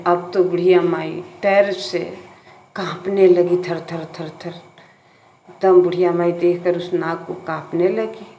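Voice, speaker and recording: Slow, flat-voiced woman storyteller. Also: on the low side. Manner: slow, plain, homely telling. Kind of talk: moral folk-tale narration. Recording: roomy echo, faint background noise.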